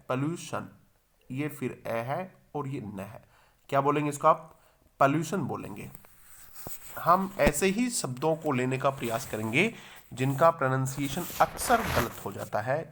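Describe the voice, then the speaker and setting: A man with a voice of ordinary pitch teaches English pronunciation in a video lesson. He spells each word letter by letter, stretches the sounds out slowly and says the word over several times. Along the way he puts questions to the viewer and answers them himself. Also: a bit bright.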